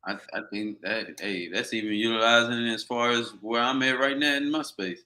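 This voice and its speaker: Man, podcast guest, reflective, stammers a little, tense bright tone, roomy echo. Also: mid-range voice, steady tone, normal speed. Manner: reflective, thinks aloud with small stammers. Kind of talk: casual podcast chat.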